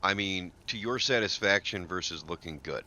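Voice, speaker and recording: A man's voice: low voice, moderate pace, sharp tone, a little hiss or hum. A man chatting casually with friends while playing a building game, wry and sarcastic. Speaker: game streamer. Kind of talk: casual multiplayer game chat.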